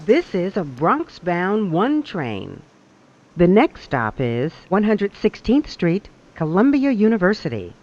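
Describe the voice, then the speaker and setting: A recorded subway announcer heard over a train loudspeaker, speaking in measured, evenly spaced phrases. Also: mid-range voice, huge pitch swings, dull audio. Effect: played over a train loudspeaker.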